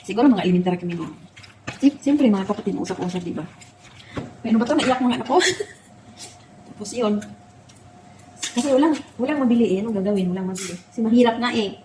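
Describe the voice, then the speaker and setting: A woman's voice: medium pitch, expressive, fast, pauses often, background noise. Chatty middle-aged woman vlogging in her kitchen. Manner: chatty, keeps calling out to her viewers; tearful and laughing while she reminisces. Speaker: cooking vlogger. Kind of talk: casual cooking chat and personal storytelling.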